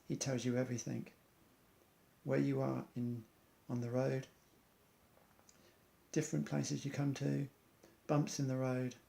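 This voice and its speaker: A man's voice: medium pitch, level tone, a little slow, gravelly, long pauses, mellow. A man, an amateur athlete, earnestly reciting an inspirational monologue in loose rhymes.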